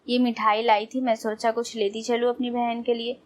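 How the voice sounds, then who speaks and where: A proud middle-aged mother who boasts and tries to take command, voiced by a woman narrating a storybook. The delivery is slightly high and narrow in melody. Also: flat delivery, natural voice. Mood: boastful.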